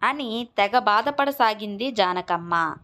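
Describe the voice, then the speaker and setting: A woman narrating a children's moral story in a steady, expressive manner. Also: mid-range voice, slow.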